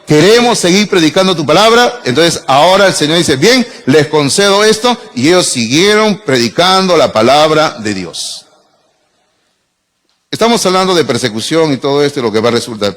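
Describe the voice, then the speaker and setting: A man's voice: a little high, fairly bright tone, big-room sound. A middle-aged man, preaching a sermon in a church, chatting with the congregation through frequent asides and questions. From Peru. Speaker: pastor. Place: church sanctuary.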